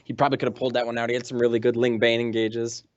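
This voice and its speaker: A man's voice: medium pitch, flat delivery, rapid-fire, highs cut off. A man co-casting a live strategy game match, laid-back and full of joking banter. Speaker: esports co-caster. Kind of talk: casual live game commentary.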